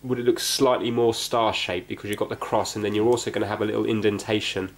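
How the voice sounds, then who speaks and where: Speaking quickly with a lowish voice and little pitch movement, a man hosts a hobby repair video at an indoor workbench. He talks casually through the hands-on work, explaining as he goes and regularly questioning himself.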